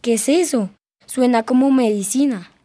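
A woman's voice: a little high, normal speed, warm tone, dry recording, lightly acted. A woman voicing a curious, cheerful young boy in an educational radio drama, asking eager questions. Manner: eager, inquisitive.

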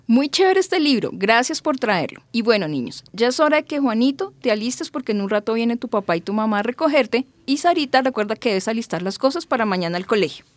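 A woman's voice: a little high, very animated, fairly quick, hardly any pauses, no echo. A woman playing a patient mother who reads and explains a story in an educational radio drama. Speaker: mother and narrator.

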